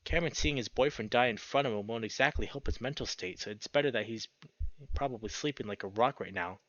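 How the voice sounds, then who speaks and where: A let's play host reads a visual novel aloud, narrating dramatically and bursting into excited exclamations. His mid-range voice is fairly bright and quick. Game music plays behind him on a dull, lo-fi recording.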